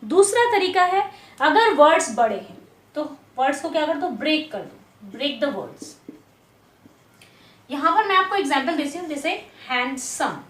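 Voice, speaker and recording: A woman teacher explaining a lesson to parents, patiently repeating words slowly, syllable by syllable. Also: sits high, very animated, reverberant.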